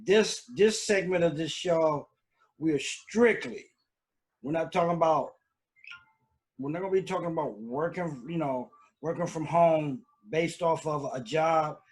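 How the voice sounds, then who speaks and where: An unhurried host with a slightly raised pitch chats loosely on a casual live stream from his house. He speaks into a computer mic, stumbling through restarts and filler words.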